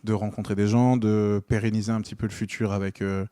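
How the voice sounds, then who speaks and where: A man's voice: on the low side, level tone, brisk, warm tone, clear, resonant tone, dry recording. A young man from Normandy chatting casually as a podcast guest, enthusiastic and full of fillers and restarts. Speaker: guest comedian and comedy club organiser.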